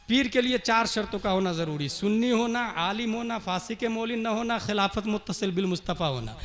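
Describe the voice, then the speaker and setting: A male Islamic preacher giving a fiery sermon at a conference, building rhythmic repeated lines to shouted peaks, then dropping into quick conversational asides. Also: extremely high pitch.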